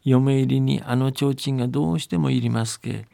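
Man voicing fox as a young bride, polite, pleading, gravelly. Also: mid-range voice, steady tone, normal speed, mellow, dry recording.

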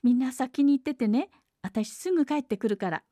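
A woman doing a tiny high-voiced headstrong girl. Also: animated, a little fast, no echo, clean studio sound. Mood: brisk. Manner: bright, wilful, pleading. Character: tiny clever headstrong bean-born girl.

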